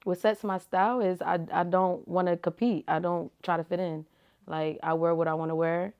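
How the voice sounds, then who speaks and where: A woman's voice: lowish voice, fairly even intonation, moderate pace, clear, resonant tone, muffled recording. A young woman giving casual, slangy answers as an interview guest, laid-back and full of "like" and "you feel me". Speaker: rapper and reality TV personality, guest.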